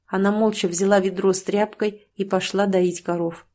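A woman narrating an audiobook in a calm, measured storytelling manner. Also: mid-range voice. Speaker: audiobook reader.

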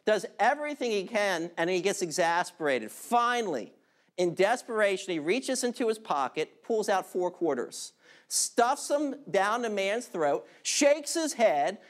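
A male pastor preaching a sermon in an animated, emphatic way, drawing out key words. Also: high-pitched.

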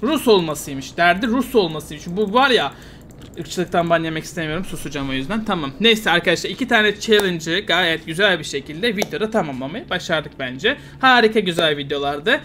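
Excitable Turkish man streaming a game. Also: high voice, a little fast, slight background noise. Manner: excitable, frustrated, taunting, swings loud and quiet. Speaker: gaming YouTuber. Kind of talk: live gameplay commentary.

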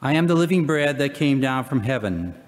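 An older man, a deacon speaking from the lectern in a measured, solemn way as he reads and preaches. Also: mid-range voice, big pitch swings. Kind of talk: scripture reading and homily. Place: large church, at the lectern. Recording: long church hall reverb.

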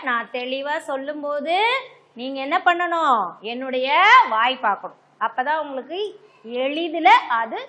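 A primary school teacher with a Tamil Nadu accent leads young children through a classroom lesson, coaxing them along with constant questions. Her voice is high, bright and forceful, and a little slow. The recording is muffled, with classroom echo and faint noise.

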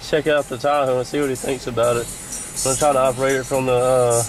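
A man's voice: mid-range voice, flat delivery, fast, music in the background, poor audio. A man hosting a casual car audio vlog, chatting easily with a fan at his truck. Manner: laid-back, says "man" a lot. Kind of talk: casual chat.

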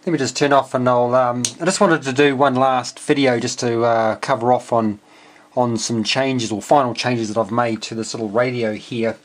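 At a home workbench, an amateur radio hobbyist with a New Zealand accent gives a casual, unscripted walkthrough of his homebuilt receiver, hesitating and speaking in short phrases. His voice is medium-pitched and fairly even at a moderate pace, and the home video is clearly noisy with clicks.

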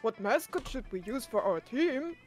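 A woman voicing a pushy, overexcited teen monster in a loud, eager voice. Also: fairly high pitch, animated, moderate pace, faint music behind, pitched above the performer's own voice, natural voice.

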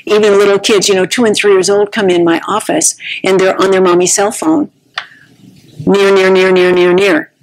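A woman in her sixties with a mid-range voice speaks at a podium in a conference room with a curtained stage, giving a chatty, anecdotal, conversational lecture and often restarting sentences. She wears a small clip-on mic at her neckline, and the recording is rough.

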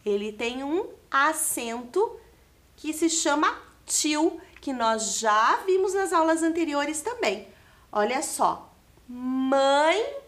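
A primary school teacher with a Brazilian Portuguese accent and a high, fairly bright voice teaches young children in a classroom studio for televised lessons. She spells out letters and syllables and keeps putting questions to the class.

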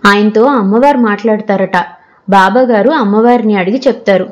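A woman voicing a calm, kind teenage girl student who speaks gently and reassuringly. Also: mid-range voice, moderate pace, lo-fi sound, natural voice.

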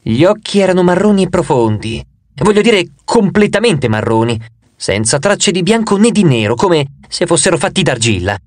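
A man narrating an audiobook in the first person, expressive with a wry touch. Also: high voice, normal speed, no room sound.

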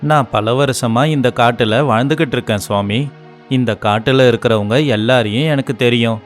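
A man voicing Hanuman in an animated story, earnest and suspicious of a stranger. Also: medium pitch, normal speed, faint music behind, close to an everyday voice. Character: loyal, wary monkey god devotee.

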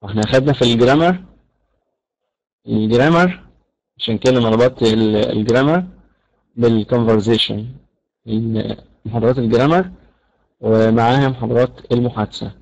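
Male English teacher with an Egyptian accent, online lecture, repeats examples aloud, mid pitch, dry sound. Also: brisk, vocal fry, long pauses, a little mellow, no echo, lo-fi sound. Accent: Egyptian Arabic.

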